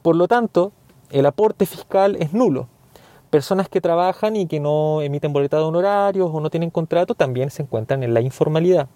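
Indignant Chilean man, mellow dry voice. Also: on the high side, a little fast, no echo. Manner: earnest, indignant, with many filler "eh"s. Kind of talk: opinion monologue.

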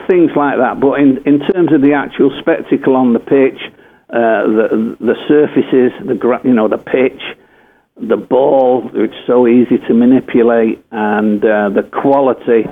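An older English man, a former footballer, telling a rambling anecdote full of fillers and self-corrections. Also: medium pitch. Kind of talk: anecdotal storytelling. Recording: tinny phone-like radio line.

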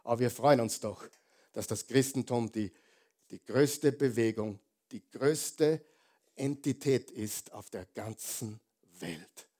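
A man preaching a sermon as a pastor, emphatic and animated, throwing rhetorical questions to the congregation. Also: medium pitch, takes it slowly.

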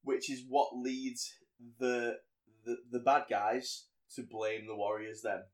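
A man co-hosting a podcast, casually retelling a film in a rambling, animated way. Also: medium pitch, slow pace. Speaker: podcast co-host. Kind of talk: casual film recap chat.

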